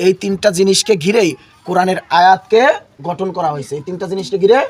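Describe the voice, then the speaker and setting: A man's voice: high-pitched, fairly even intonation, fast talker, crowd noise. A man teaching a Quran reading lesson while unwell. He repeats key words and has his listeners echo them back. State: unwell, coughing. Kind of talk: classroom lesson with call and response.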